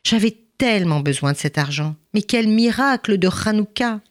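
A woman's voice: mid-range voice, animated, moderate pace, voice pushed up, close to an everyday voice. Figure: a woman doing a poor, eager father in a storybook. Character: poor jobless father, hopeful then eager.

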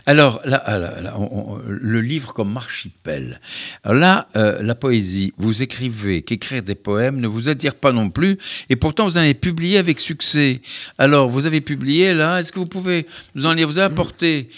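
A man's voice: mid-range voice, normal speed, fairly bright tone. A man hosts a radio interview about a book. He talks in an eager, chatty way. He often chimes in with short comments. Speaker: radio show host.

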